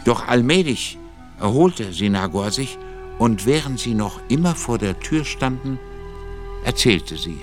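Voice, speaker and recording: A man narrating a German radio drama in a measured, dramatic storytelling manner. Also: mid-range voice, expressive. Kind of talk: scripted radio-play narration. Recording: narration over a music bed.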